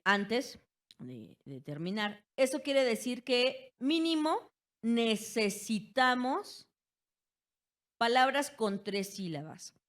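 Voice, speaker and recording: A woman teacher with a Mexican accent giving an online class, slowly stretching key words and checking in with her students. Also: medium pitch. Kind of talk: online class lecture on spelling.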